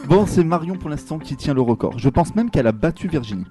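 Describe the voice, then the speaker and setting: A man hosting a radio show, announcing the next segment briskly. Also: fairly high pitch, animated, music in the background.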